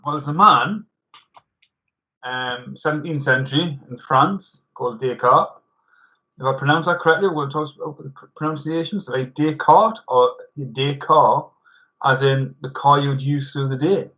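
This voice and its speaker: Bright-voiced man, muffled recording. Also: medium pitch, normal speed. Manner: explains ideas at length with many ums and hedges. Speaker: social worker podcast co-host. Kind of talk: casual chat over beers.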